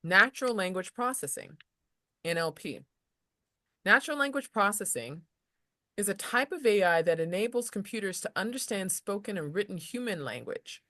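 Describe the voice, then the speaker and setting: A woman's voice: mid-range voice, animated, normal speed, sharp tone, dry recording, studio quality. A woman casually explaining lesson material as a tutor, rambling a little with restarts and slipping into example voices.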